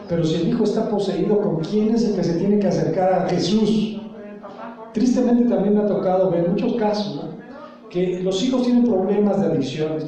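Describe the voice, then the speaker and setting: A man's voice: high-pitched, warm tone, recorded from a distance. A man preaching a sermon as a pastor, often asking the congregation questions and leaving blanks for them to fill. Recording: very echoey room, voice from off the mic.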